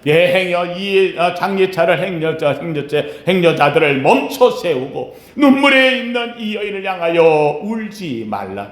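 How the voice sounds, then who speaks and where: A male pastor delivering an emphatic sermon, with sharp rises and slow, low falls. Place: church sanctuary. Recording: echoey church sanctuary.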